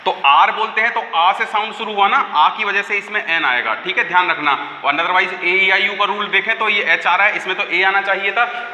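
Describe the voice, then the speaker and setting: Male teacher, Hindi accent, high voice, patient, repeats phrases; echoey classroom sound. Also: bright, forceful tone. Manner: explains slowly, repeating phrases aloud to students. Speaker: school teacher. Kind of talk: classroom grammar lesson. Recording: echoey room, long reverb.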